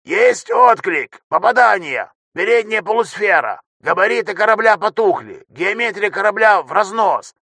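A frantic young ship technician barks reports over the intercom in a high, gravelly voice that is bright and sharp, as a male narrator puts him on. The delivery is shouted and rapid, and the recording is dry and close. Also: animated, no echo, heavily acted. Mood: shouting urgently.

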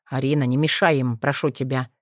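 Woman doing a low, calm dragon man. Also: normal speed, no echo, close to an everyday voice. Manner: steady, dry, slightly mocking. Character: calm, confident male dragon shifter, husband.

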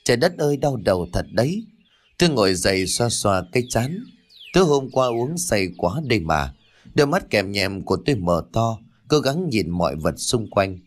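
A man narrating a first-person ghost story in a calm, steady storytelling voice. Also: fairly low pitch.

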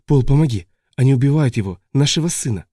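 A man's voice: mid-range voice, animated, fast talker, dark tone, no room sound, clean studio sound, lightly acted. A man reading an audiobook, voicing a frantic young woman pleading for help. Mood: desperate. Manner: urgent, pleading.

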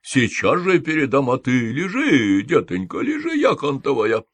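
Man voicing sugary old woman nurse, slow soothing drawl, audiobook, lilting, dry close sound. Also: mid-range voice, huge pitch swings, no room sound. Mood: coaxing. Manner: soothing, drawn-out, affectionate pet names. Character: old woman nurse, cooing, falsely sweet.

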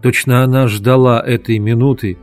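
A man reading a storybook aloud in a measured, dramatic narrating manner. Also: medium pitch, steady tone, soft background music. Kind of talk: audiobook narration.

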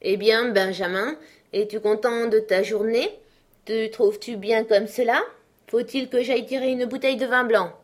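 A woman reader voicing a loud, shrewish older woman who scolds her brother with heavy sarcasm. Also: mid-range voice, normal speed, slightly rough, natural voice. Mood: scolding, shrill.

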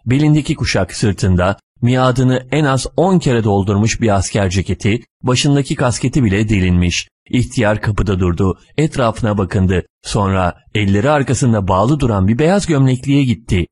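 Measured male story narrator. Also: lowish voice, a little mellow, breathy edge. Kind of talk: scripted narration of a short story.

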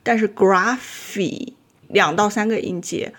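Casting note: woman, startup founder guest, chatty and thoughtful, mid-pitched voice. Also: takes it slowly. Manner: thoughtful, explains step by step. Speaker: guest, design tool founder. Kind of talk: casual podcast conversation. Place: North America.

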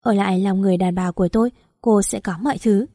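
A woman reading the lines of an arrogant, scornful married man in an audio story, in a warm, dry voice. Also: mid-range voice, fairly even intonation, fast talker, dry recording, natural voice. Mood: contemptuous. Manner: scornful, insulting. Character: arrogant wealthy married man, cold and cutting.

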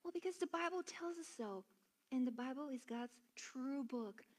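This children's church lesson is led by a woman from Bulgaria who directs the worship songs and dances. She encourages the kids and gives simple instructions one step at a time, her high, darkish voice animated and moving at a moderate pace.

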